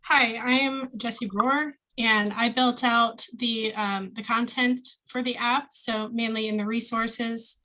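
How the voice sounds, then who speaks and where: A woman developer giving an informal demo presentation, halting and slightly nervous in her delivery. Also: a little high, steady tone, sharp tone, rough recording. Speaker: developer presenting project work.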